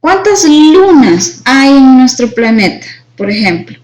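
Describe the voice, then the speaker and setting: A woman teaching an English grammar lesson, explaining each example slowly in both Spanish and English and checking with her students as she goes. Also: sits high, big pitch swings, a little mellow, muffled recording. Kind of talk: bilingual classroom grammar lesson.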